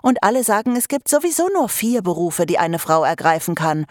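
A woman's voice: lowish voice, sing-song, brisk, a little mellow, no echo, studio quality. A woman voicing a chatty, cheerful schoolgirl friend in an audiobook. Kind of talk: audiobook character voice.

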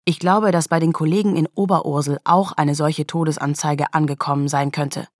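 A woman's voice: deep voice, steady tone, moderate pace, a little mellow, dry recording, studio quality. A woman reading an audiobook, voicing a blunt, loyal male forensics officer who speaks in a mocking, outspoken way.

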